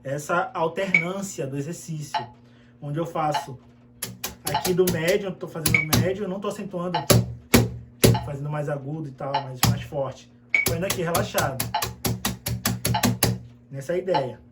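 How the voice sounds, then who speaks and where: A man's voice: a little high, moderate pace, pauses often, over loud music. A man teaching a cajón lesson, explaining patiently step by step with restarts and fillers. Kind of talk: instructional lesson while playing. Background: cajón drumming.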